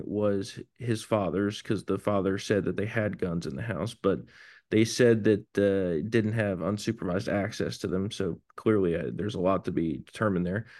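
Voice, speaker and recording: A man hosting a casual talk show over rough, low-quality remote stream audio, blunt and opinionated, sometimes swearing. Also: no echo, clean studio sound. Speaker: show host.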